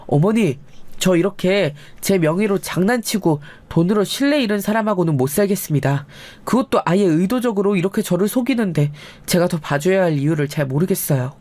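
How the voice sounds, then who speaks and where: Woman voicing a cold, flat husband. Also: lowish voice, fairly quick. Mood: resolute. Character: cold, fed-up husband in his thirties. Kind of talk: storybook narration with dialogue.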